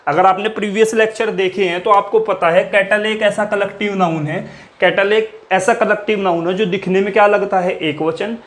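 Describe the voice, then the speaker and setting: A man's voice: high-pitched, steady tone, moderate pace, a bit bright. A man teaching an English grammar lesson. He asks questions, answers them himself, repeats key words, and drops his voice on the answers. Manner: repetitive, quizzing students with questions he answers himself. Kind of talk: classroom grammar lecture.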